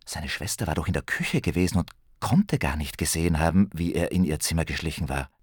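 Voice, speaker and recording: Deep-voiced man reading a children's story. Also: a little fast, husky, no echo, clean studio sound. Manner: expressive storytelling, acting out characters. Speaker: narrator. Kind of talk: scripted narration of a children's story.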